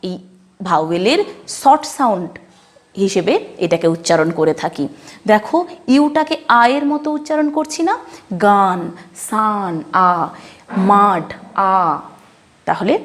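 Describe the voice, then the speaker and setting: Lively woman teaching phonics. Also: medium pitch. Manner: slow, explaining with examples and checking questions. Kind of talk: phonics lesson.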